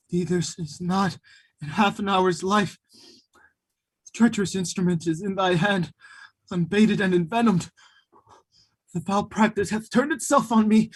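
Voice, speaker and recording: A man playing a repentant, dying young nobleman in a theatrical Shakespeare drama, husky, grave and urgent. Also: sits high, dry recording. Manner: grave, urgent verse delivery. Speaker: actor in a student Shakespeare production.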